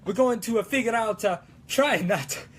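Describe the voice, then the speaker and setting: A high-pitched, slightly rough and somewhat bright voice belongs to a livestream host chatting loosely as he crafts, speaking at normal speed. He hams it up with a wobbly fake Italian accent, staying playful and theatrical and tossing in mock-Italian exclamations.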